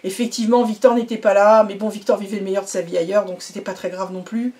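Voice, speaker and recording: A woman's voice: mid-range voice, steady tone, fast, darkish tone. Effusive woman chatting casually. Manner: effusive, emphatic repetition. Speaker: vlogger. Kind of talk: casual recap talk.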